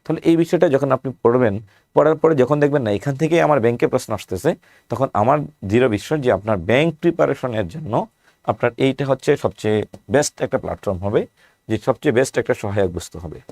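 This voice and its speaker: A man with a Bangladeshi Bengali accent gives an exam-prep lecture at a brisk clip. He runs through past questions and poses rhetorical questions along the way. The recording is dry and close, with little room sound. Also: medium pitch, a little mellow, no echo. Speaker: teacher.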